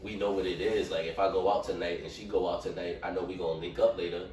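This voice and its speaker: Low-voiced guy rambling on a podcast, lots of "like", echoey room, far from the mic. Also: level tone, quick pace, darkish tone, a little hiss or hum. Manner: rambling, heavy use of fillers. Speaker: podcast guest. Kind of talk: casual group chat.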